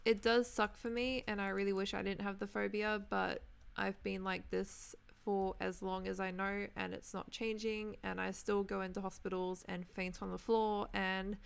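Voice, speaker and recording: A woman's voice: medium pitch, creaky, smooth. A woman in her twenties with an Australian accent, chatting casually with viewers while playing a building game. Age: 20s. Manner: chatty, rambling, answers viewers' comments. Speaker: Minecraft streamer. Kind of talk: casual chat while gaming.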